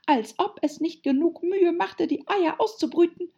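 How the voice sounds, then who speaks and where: Woman doing a shrill, shrieking mother pigeon. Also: moderate pace, a little mellow. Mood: shrill, aggrieved. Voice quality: shrill, screeching. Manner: complaining, scornful. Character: shrieking anxious mother pigeon guarding eggs. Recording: dull lo-fi recording.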